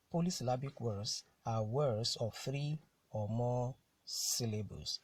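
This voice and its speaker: A male teacher gives a lecture at an unhurried, measured pace. His voice is a little husky and sounds close and dry. He repeats key words and poses questions to his class before answering them. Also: medium pitch, darkish tone, no room sound. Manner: deliberate, repeats key terms and asks rhetorical questions. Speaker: English teacher.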